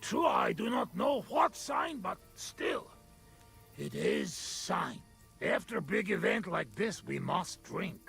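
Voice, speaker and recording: Gravelly drinking buddy, broken english, teasing, loud. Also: male voice, high voice, very animated, takes it slowly, faint music behind, heavily acted. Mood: earnest. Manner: boisterous, teasing. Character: rough, boisterous man with a thick foreign accent, drinking companion. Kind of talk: game voice acting.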